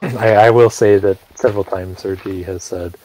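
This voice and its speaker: A man in casual gaming banter on voice chat, teasing bluntly and deadpan. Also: fairly low pitch, normal speed, a little hiss or hum, rough recording.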